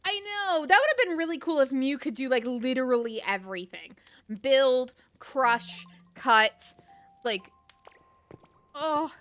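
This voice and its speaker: A woman in her thirties streaming a video game live, chatting to viewers in an excitable, exclamatory way. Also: sits high, unhurried, faint music behind. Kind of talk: live gameplay stream chat.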